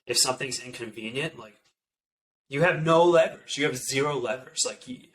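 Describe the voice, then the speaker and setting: A man in his thirties, an orthopedic surgeon, telling stories from residency in a casual, animated way full of "like" fillers. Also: medium pitch, a little fast, poor audio. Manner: animated, many "like" fillers, quotes others in asides. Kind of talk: casual podcast storytelling.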